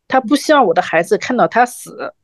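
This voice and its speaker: A woman's voice: a little high, expressive, a little fast, no echo, clean studio sound. A woman in her thirties co-hosting a podcast, telling a personal story in a reflective, conversational way. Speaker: podcast co-host.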